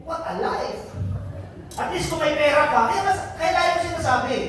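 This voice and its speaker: A man's voice: extremely high pitch, normal speed, fairly bright tone, distant mic, slight background noise. A man from Albay, Philippines, giving a motivational closing speech to a live audience as a business mentor, joking and teasing and often asking the crowd questions. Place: event venue hall, indoors. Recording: very echoey event hall, picked up from afar.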